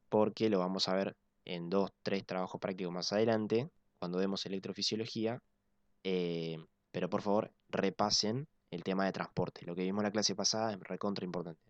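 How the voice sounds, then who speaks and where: Low-voiced man teaching a class. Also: no echo. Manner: explanatory, repeats key points slowly. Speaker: physiology teacher. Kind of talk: online class lecture. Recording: dull lo-fi dry sound.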